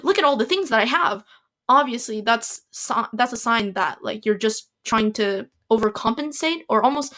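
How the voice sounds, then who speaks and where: A woman's voice: a little high, fairly bright tone. A young woman hosting her own podcast, chatting alone in a rambling, opinionated way with lots of restarts and fillers. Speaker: podcast host. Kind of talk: solo casual podcast chat.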